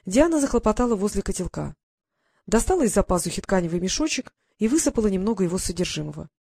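Woman, audiobook narrator, medium pitch, steady reading, dry close sound. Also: quick pace, gravelly, no room sound.

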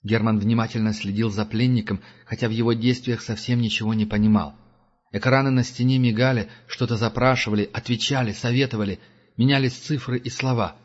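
A man narrates an audiobook in a steady, measured reading voice. His tone is mid-pitched and husky, and the recording sounds dull and lo-fi. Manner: steady, measured reading with gruff character growls. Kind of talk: scripted narration.

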